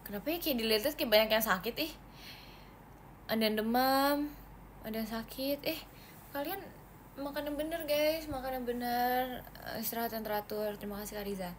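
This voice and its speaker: A woman's voice: a little high, a little fast, long pauses, a little hiss or hum. A young woman chatting casually on a livestream, reading viewer comments aloud in a playful, giggly way.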